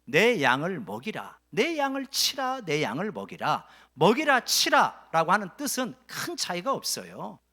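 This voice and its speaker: A male pastor preaching a sermon, full of rhetorical questions and swinging between loud and hushed delivery. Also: high-pitched. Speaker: senior pastor.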